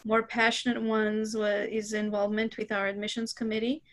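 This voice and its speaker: A woman's voice: medium pitch, little pitch movement, moderate pace. A woman from Croatia introducing herself as dental faculty on a video call, chatty with frequent fillers. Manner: chatty, light laughs, many fillers.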